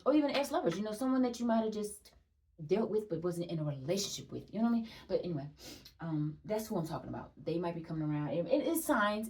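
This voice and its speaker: This is a young woman talking through a spiritual energy reading in a chatty, emphatic way, repeating herself for stress and swearing freely. Her voice sits slightly low with a mellow, dark tone. She is heard a little away from the microphone. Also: gravelly, distant mic. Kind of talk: casual tarot-style energy reading.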